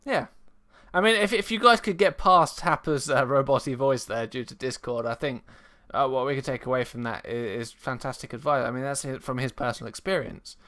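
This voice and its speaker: Young guy hosting a stream, bright voice, chatty, keeps laughing. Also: mid-range voice, a little fast. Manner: chatty, laughs often, bursts of loud energy. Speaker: stream host. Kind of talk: casual live-stream chat.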